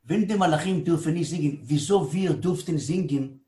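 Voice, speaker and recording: Animated high-voiced male storyteller. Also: normal speed. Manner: animated, swings between hushed and near-shouting. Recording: roomy echo.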